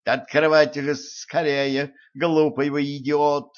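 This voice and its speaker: A man reading an audiobook and voicing a furious, greedy wife with a hoarse, harsh way of snapping at others. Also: mid-range voice, moderate pace, lightly acted. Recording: muffled lo-fi recording.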